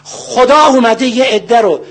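An older man giving a religious sermon, earnest and full of rhetorical questions, slowly reciting Arabic verses. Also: very high voice, animated, fairly bright tone. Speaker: cleric.

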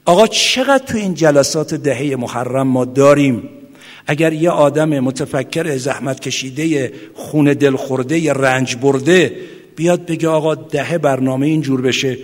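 A man preaching a fervent sermon, reciting Arabic quotations in a chanting style and rising to impassioned calls. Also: fairly high pitch. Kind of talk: Muharram sermon. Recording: echoey hall with long reverb.

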